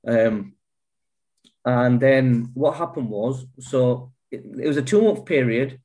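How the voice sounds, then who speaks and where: A man's voice: mid-range voice, animated, slow pace, a little mellow. Earnest man telling his story. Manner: earnest, swears freely, many restarts. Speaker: guest. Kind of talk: candid personal storytelling.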